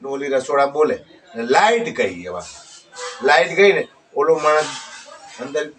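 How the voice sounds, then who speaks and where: A man's voice: on the high side, very animated, moderate pace, fairly bright tone. Man telling a rambling folk tale. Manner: rambling, repeats phrases, ends with a moral. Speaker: storyteller. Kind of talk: folk moral storytelling. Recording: distant mic with faint background noise.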